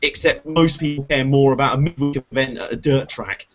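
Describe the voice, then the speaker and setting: A man's voice: medium pitch, a little fast. A British man hosting a casual motorsport chat show over a video call, rambling and joking at his own expense. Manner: chatty, rambling, self-mocking jokes. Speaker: show host. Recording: slightly dull lo-fi audio with faint hiss.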